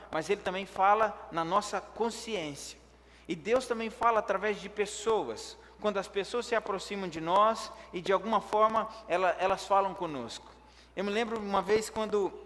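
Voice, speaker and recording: A man with a high voice preaches in a church hall where the sound rings in a long echo. He tells a personal story in a vivid way and acts out what he said. He speeds up in the action and goes quiet in prayer. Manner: vivid storytelling that acts out his own words; lively when telling the action, hushed in prayer. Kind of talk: storytelling sermon. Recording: echoey hall reverb.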